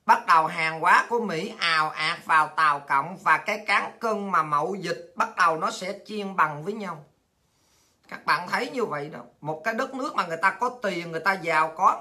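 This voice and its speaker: A woman hosting a heated political monologue, coarse and insulting, with shouted taunts. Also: lowish voice. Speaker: political commentary host.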